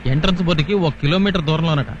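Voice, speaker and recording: A man's voice: fairly high pitch, a little hiss or hum, close to an everyday voice. An actor playing a sly, scheming man who plots with his partner in a film comedy. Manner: conspiratorial, quick-witted. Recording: dull film audio with loud music.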